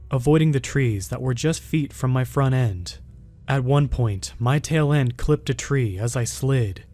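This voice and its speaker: Male horror narrator, even and unhurried, mid-range voice, soft music bed. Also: mid-range voice. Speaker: storyteller.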